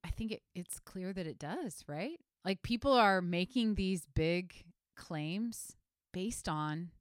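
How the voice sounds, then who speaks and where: A woman co-hosting a podcast, analytical and thoughtful, speaking in quick bursts with restarts. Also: lowish voice, lively intonation, clean tone, no echo, studio quality. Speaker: podcast co-host. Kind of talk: casual conversational podcast.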